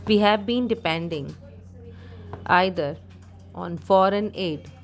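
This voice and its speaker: A woman with a lowish voice reads a speech aloud for dictation practice, using short, measured phrases separated by clear gaps.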